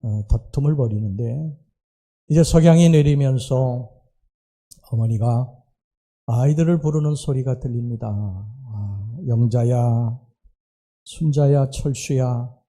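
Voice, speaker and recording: A male pastor giving a Sunday sermon in a church, speaking slowly and earnestly with pauses and hesitations. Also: mid-range voice, mellow, breathy edge. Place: church sanctuary.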